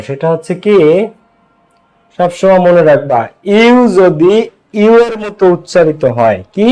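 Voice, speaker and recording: A man leads an online English grammar lesson. His voice sits high for a man. He explains in Bengali, drills with repeated questions, and reads English example phrases slowly. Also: darkish tone, clear, resonant tone, poor audio. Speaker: English teacher.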